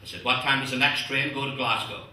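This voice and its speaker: A man doing stand-up one-liners in a club, chatting to the audience as ladies and gentlemen. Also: medium pitch, steady tone, quick pace. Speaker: stand-up comedian. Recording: echoey club from a distance. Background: audience laughter.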